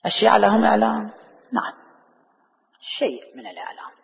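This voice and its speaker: A man preaching a religious sermon, asking rhetorical questions and answering them himself, his voice rising and falling between soft and loud. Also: sits high, steady tone, a little fast, vocal fry. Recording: dull hall recording with long reverb.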